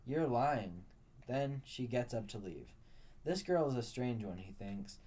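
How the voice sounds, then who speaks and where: Mellow male story narrator. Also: medium pitch, expressive, measured pace. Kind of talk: story read-aloud.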